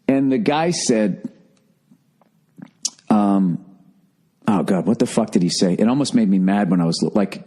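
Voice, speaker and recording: A man's voice: lowish voice, a little mellow, slightly rough. A middle-aged American man hosting a podcast alone, delivering a profane, exasperated comedy rant. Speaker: podcast host. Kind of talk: solo ranting comedy monologue.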